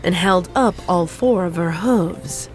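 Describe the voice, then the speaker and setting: A woman narrating a fan story in an even storybook reading. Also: fairly low pitch, takes it slowly, loud music behind the voice. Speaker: fanfic narrator. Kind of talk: scripted narration.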